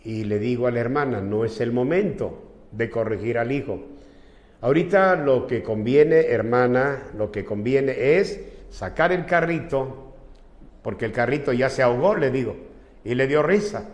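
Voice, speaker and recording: A man's voice: mid-range voice, expressive, moderate pace. A man preaching as a pastor, explaining earnestly and retelling a visit with quoted dialogue. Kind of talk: sermon with personal anecdotes. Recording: echoey hall with long reverb.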